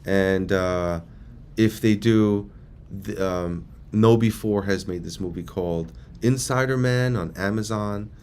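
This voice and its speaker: A man's voice: on the low side, slow, a little mellow, slight background noise. A man leading a training session, talking to a group in a casual, rambling, conversational way. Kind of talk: casual informal presentation to a group.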